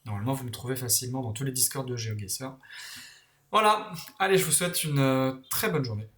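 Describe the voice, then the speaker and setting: A man casually walking viewers through a software tutorial, correcting himself as he clicks through the steps. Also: mid-range voice, brisk. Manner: casual, talks while clicking, self-correcting. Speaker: tutorial host. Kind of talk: screen-recorded software tutorial. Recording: roomy echo.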